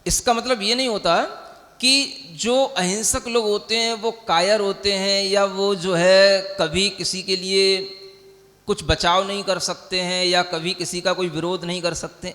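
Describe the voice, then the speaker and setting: A man's voice: sits high, sharp tone. A man, a Jain monk, giving a sermon in a teaching manner, often checking whether his listeners understand and mixing English words into his speech. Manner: teaching, keeps asking listeners if they understand. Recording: long hall reverb.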